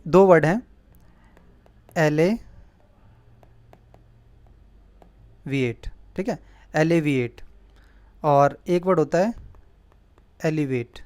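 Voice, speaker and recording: A man's voice: on the high side, clear, resonant tone, dry recording. A man teaching vocabulary with memory tricks, explaining patiently and often checking with "ठीक है?". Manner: explanatory, repeats words, asks "ठीक है?". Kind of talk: mnemonic vocabulary lesson.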